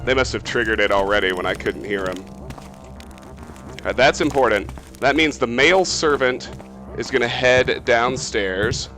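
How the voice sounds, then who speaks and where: A man's voice: medium pitch, normal speed, bright, forceful tone, soft background music. A man giving offhand, conversational commentary as he plays through a video game. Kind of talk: casual playthrough commentary.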